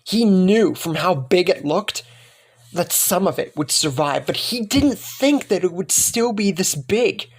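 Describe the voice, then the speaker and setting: A young man narrating a fan-made story in a slow, dramatic way, repeating words for emphasis. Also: high-pitched, lively intonation.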